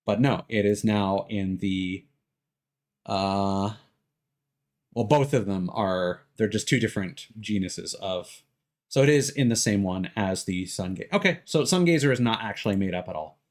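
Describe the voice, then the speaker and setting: Over background music, a man with a lowish voice and measured pace gives casual, rambling livestream commentary on a video game, thinking aloud as he plays.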